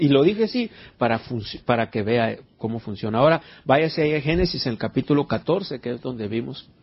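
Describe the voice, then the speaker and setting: A man's voice: medium pitch, slightly rough. A man preaching a conversational sermon and Bible study as pastor, earnest, repeating words and putting questions to his listeners. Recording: dull lo-fi recording.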